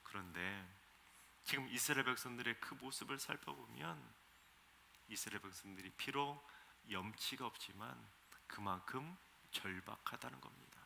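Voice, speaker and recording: A man's voice: mid-range voice, normal speed, creaky, pushed and bright, a little hiss or hum. A man preaching a sermon as a pastor, voicing pleading prayers with rising, impassioned emphasis. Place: church sanctuary.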